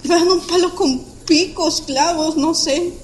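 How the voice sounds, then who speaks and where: High-voiced young Mexican woman testifying. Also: a little hiss or hum, rough recording. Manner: halting, breaks off and restarts sentences. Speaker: witness recounting an attack. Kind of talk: personal testimony.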